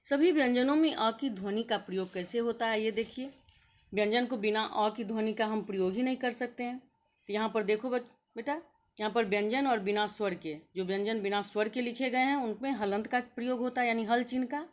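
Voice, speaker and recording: A woman teacher giving a grammar lesson to young pupils, speaking slowly and deliberately and sounding out letters one at a time. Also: fairly high pitch. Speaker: school teacher.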